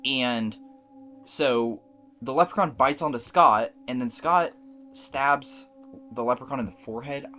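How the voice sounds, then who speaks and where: Guy on a podcast rambling thru a movie plot, ums and restarts, middle pitch. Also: measured pace, pushed and bright. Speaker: podcast co-host. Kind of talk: casual movie recap chat.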